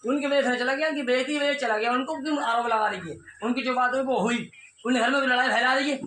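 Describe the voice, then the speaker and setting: A man's voice: very high voice, steady tone, fast, sharp tone, reverberant, a little hiss or hum. A man telling his side of a family dispute, heated and pleading, repeating his points. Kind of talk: emotional personal account.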